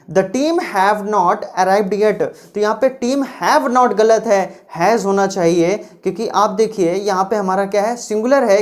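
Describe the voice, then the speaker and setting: A woman teaching English grammar, explaining rules patiently and reading example sentences slowly and clearly. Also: mid-range voice, a little mellow. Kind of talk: classroom grammar lecture.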